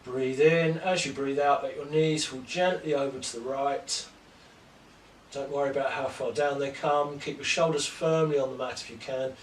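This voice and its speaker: Gentle male yoga teacher in a roomy space. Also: mid-range voice, a little hiss or hum. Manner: slow, gentle, calm cueing of breath and poses. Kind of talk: guided yoga class instruction. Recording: roomy echo, distant mic, faint ambience.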